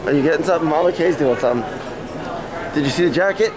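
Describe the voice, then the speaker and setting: A man's voice: a little high, fast talker, a crowd in the background. Chatty self-mocking man with a camcorder. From Florida. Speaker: vlog host. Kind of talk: casual vlog narration. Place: outdoors at a theme park and hotel. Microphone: handheld camcorder. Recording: noisy outdoor camcorder audio.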